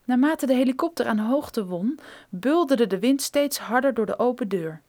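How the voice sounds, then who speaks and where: Woman reading a thriller audiobook, steady and measured, voice a bit high. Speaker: narrator.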